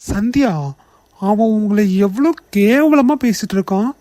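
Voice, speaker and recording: A man's voice: sits high, unhurried, mellow, no echo. A man voicing a young office boss in a cartoon, firm, indignant and lecturing. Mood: urging. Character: young male office boss, protective and outspoken. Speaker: CEO. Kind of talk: cartoon voice acting.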